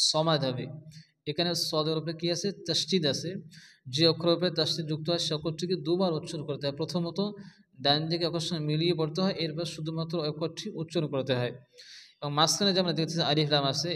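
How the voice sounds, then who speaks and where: A man teaching Quran recitation step by step. He asks and answers his own questions and repeats each word slowly. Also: fairly high pitch, a bit bright, long reverb tail.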